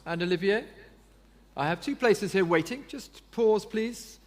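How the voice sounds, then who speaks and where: High-pitched male auctioneer in a reverberant hall. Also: lively intonation, measured pace. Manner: polite, formal, addresses bidders by name. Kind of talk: live auction bid-calling.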